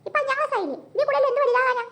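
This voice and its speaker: Woman doing a super high little cartoon girl, pleading and whining at her parents. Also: rapid-fire, a bit bright, a little hiss or hum. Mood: whiny pleading. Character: young schoolgirl, the younger daughter, eager and whiny.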